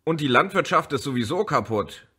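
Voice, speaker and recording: Man doing a bitter lecturing teen boy, indignant, heated, a bit higher, forceful, audiobook voice. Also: expressive, fairly quick, husky, heavily acted. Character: agitated, lecturing teenage boy, bitter and gloomy. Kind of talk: audiobook character voice.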